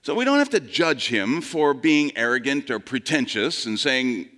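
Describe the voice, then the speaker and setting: A male pastor delivering a sermon with a lively, swooping pitch. He talks conversationally, asks the congregation questions, and plays out the quoted voices with big jumps up and down. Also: moderate pace.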